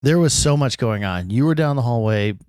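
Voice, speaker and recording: A man's voice: medium pitch, lively intonation, normal speed, a little mellow, clear, resonant tone, no echo, clean studio sound. Joking man co-hosting a chat show. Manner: joking, playful banter. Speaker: podcast co-host. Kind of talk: casual chat.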